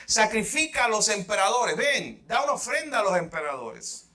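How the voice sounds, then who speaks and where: A man's voice: high-pitched, sing-song, normal speed, sharp tone, heavily acted. A man voicing a stern ancient Roman governor in a sermon story, speaking in a commanding way. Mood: demanding. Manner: commanding, demanding.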